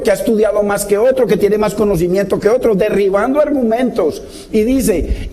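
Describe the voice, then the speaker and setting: A man preaching a sermon, his voice pitched high yet dark and mellow in tone. He exhorts his listeners passionately, asking question after question and calling them to listen. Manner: impassioned, exhorting, repeated direct address.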